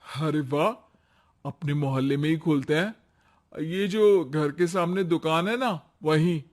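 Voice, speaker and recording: A man's voice: a little high, takes it slowly. A man voicing an easygoing young husband who reassures and argues with his wife in a cartoon story. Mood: reassuring. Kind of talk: cartoon voice acting.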